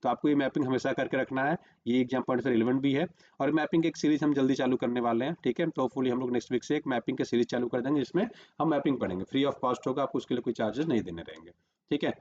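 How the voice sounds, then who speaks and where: A man's voice: medium pitch, quick pace, darkish tone, lo-fi sound, a little hiss or hum. A man teaching a current-affairs lesson for exam prep, repeating "remember" and "okay" while marking a map on screen.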